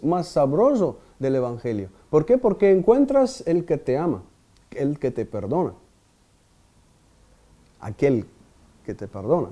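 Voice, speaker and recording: A man's voice: fairly high pitch, mellow. A man preaching a meditation talk, asking his audience questions and speaking emphatically.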